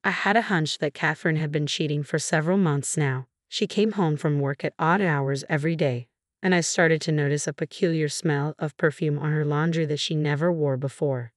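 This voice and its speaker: A woman with a low-pitched voice narrates a first-person story. She keeps a steady, measured pace. The recording is dry and close, with no room sound. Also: dry recording.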